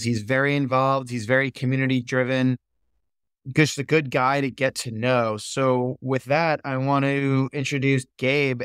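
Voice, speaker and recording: A man's voice: medium pitch, fairly bright tone, clear, resonant tone, dry recording, clean studio sound. A man hosting an interview podcast, asking questions in a friendly, conversational way. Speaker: podcast host.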